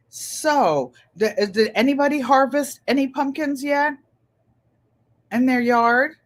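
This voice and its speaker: An older woman hosting a craft livestream, chatting casually and reading viewer comments aloud, with an easy laugh. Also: mid-range voice. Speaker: craft channel host on a livestream.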